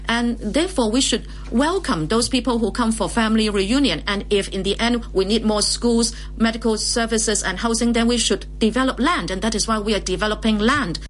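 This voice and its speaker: A woman's voice: a little high, brisk, few pauses. A woman speaking as a live interpreter, translating a speech as it is given. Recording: noisy feed with hum.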